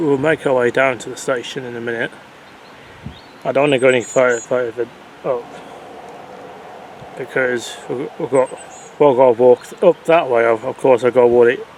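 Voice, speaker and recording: A chatty travel vlogger, a man with a medium-pitched voice, rambles and corrects himself while giving casual commentary on a walking vlog. He's outdoors, moving through the countryside and onto a rail platform, recorded on a handheld camera mic with faint background noise from outside.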